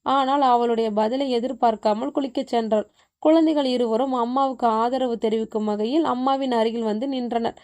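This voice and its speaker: A woman reading a horror story aloud as a storyteller, in an even, measured way. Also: fairly high pitch. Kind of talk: scripted horror story narration.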